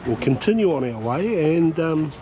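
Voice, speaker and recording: A man's voice: a little high, sing-song, moderate pace. New Zealand man vlogging over street noise. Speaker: travel vlogger. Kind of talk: casual vlog talk and narration.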